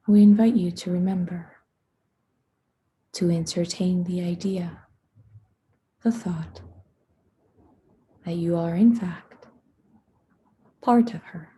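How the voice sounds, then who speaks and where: A woman leads a meditation, her voice soft, hushed and very breathy, with a deeply mellow, dark tone. She talks slowly and soothingly in short phrases separated by long pauses.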